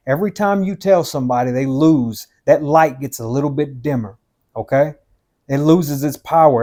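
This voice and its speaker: On a podcast, a fifty-something man with a slightly high, mellow voice delivers straight-talking motivational advice about life. He hammers his points home through repetition and keeps addressing the listener as "man" and "dude."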